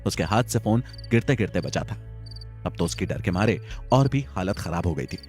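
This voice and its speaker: Low-voiced man telling a spooky story. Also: lively intonation, normal speed, a little mellow. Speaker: narrator. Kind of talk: scripted storytelling. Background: faint music and crickets.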